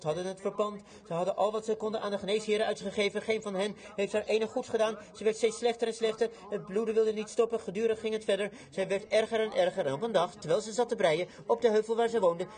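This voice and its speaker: A male preacher delivers a sermon as a dramatic story. His voice sits high, swinging from loud outbursts to quiet, hushed passages.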